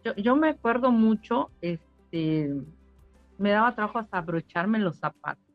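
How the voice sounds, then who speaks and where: A woman's voice: medium pitch, expressive, a little slow, dry recording. Woman, middle-aged, heartfelt testimonial, dry dull lo-fi sound, faint music under. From Mexico. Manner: emotional storytelling, repeats phrases. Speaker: spa owner giving a testimonial. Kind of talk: casual testimonial interview.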